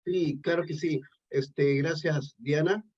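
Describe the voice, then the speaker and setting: A man's voice: on the high side, fairly even intonation, slow, a little mellow. A man moderating an online talk, speaking hesitantly with many fillers. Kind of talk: webinar moderation. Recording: muffled lo-fi audio.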